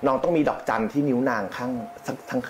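A man's voice: fast, a little hiss or hum. A man reading palms on a casual live stream, chatting and talking straight to the viewers. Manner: chatty, addresses viewers directly, jumps high in pitch when joking. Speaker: palm reader.

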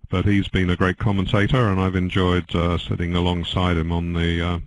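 An older man commentating on a bridge match, dry and joking, halting with many fillers. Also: low voice, monotone, a little hiss or hum, low-quality recording.

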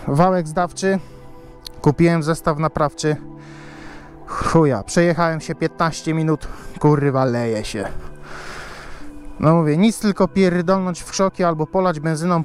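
A high, darkish male voice belongs to a motovlogger chatting casually on camera about his bike. He's rambly and profane, repeating himself and using lots of fillers.

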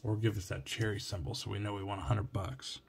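His voice low, gravelly, and level, a young man from Oregon talks fairly quickly while scratching lottery tickets at home late at night, reading each symbol in a tired, cracking tone. He's a scratch-ticket channel host narrating casually in Oregon US English. The phone or camera looks down at the table, with background noise, coin scratching, and clicks.

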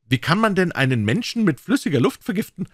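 A man voicing a shocked male police official in a crime audiobook, asking excited questions. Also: high voice, fairly quick, breathy edge, dry recording, clean studio sound, pitched above the performer's own voice, heavily acted. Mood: astonished.

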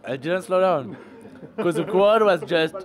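French guy hyped after a race, choppy english, a bit high voice. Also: a little slow. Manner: excited, short broken phrases. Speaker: interviewed racer. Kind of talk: post-race interview.

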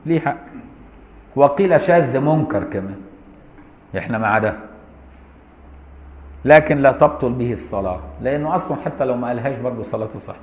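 A man with an Egyptian accent teaching Islamic law to a class, reading a text and adding colloquial, mocking asides. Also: mid-range voice. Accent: Egyptian Arabic. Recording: roomy lo-fi lecture hall recording.

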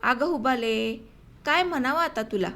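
A woman's voice: sits high, expressive, moderate pace, exaggerated voice. Woman reading as a scolding angry village farmer. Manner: scolding, sharp-tongued. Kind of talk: audiobook story reading.

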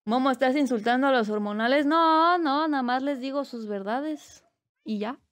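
A woman's voice: high-pitched, moderate pace, clean tone. A Mexican woman streaming live, chatting casually and reading chat aloud with playful teasing and bursts of squealing laughter.

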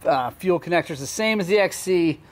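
A man's voice: fairly high pitch, lively intonation, normal speed. A man hosting his own channel, giving a casual, hesitant walkaround of a new dirt bike. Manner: casual, hesitant, lots of fillers. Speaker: mechanic and channel host.

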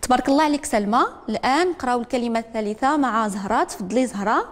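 A woman with a Moroccan accent teaching a literacy lesson, repeating each word slowly and calling on learners one by one. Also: on the high side, in a large hall. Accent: Moroccan Arabic. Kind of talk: broadcast classroom lesson.

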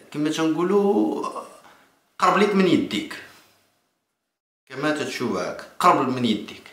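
A man in his thirties with a Moroccan accent, giving spontaneous political commentary to camera in a halting way, repeating and restarting phrases. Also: mid-range voice, a bit bright. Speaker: political vlogger. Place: small indoor room. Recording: echoey room.

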